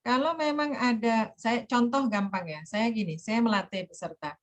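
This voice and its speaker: Female lecturer, slightly high voice, patient explainer who demonstrates recitation, video-call mic. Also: normal speed. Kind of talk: online class lecture.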